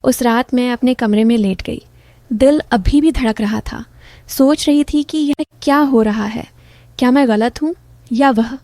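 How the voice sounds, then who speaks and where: A woman narrating an emotional first-person story, soft and confessional. Her voice is somewhat high yet mellow and warm. The recording is close and dry. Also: unhurried, dry recording.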